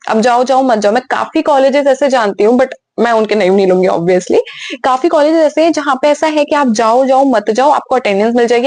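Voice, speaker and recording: Young woman vlogger, frank advice Q&A, fairly high voice, dry close mic. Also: darkish tone, dry recording. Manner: frank, direct, mixes English words into Hindi. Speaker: physiotherapy channel host. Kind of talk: casual Q&A advice talk.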